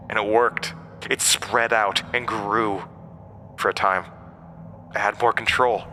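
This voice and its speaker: Think horror audio drama: a fairly low male voice, piercing and forceful, carried on a long, hollow reverb over slight background noise. It belongs to an ancient, inhuman pariah who is bitter and manipulative, narrating with teasing, theatrical emphasis.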